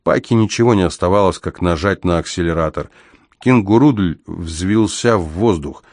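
A man narrates a first-person adventure story at a measured, even pace. His voice is very low and deep. The recording is dry and close, with no room sound. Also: dry recording. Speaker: audiobook narrator.

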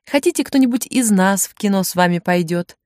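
A woman's voice: mid-range voice, expressive, fairly quick, a little mellow, no echo, studio quality, lightly acted. A woman voicing a gracious, polite hostess in a storybook reading, with a sweet, welcoming manner.

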